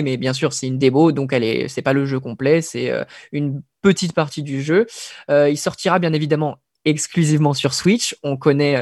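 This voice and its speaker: Chatty radio gaming presenter. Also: male voice, fairly high pitch, a little mellow, no echo, clean studio sound. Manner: hesitant, frequent "euh" fillers, wry. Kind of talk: casual radio chat.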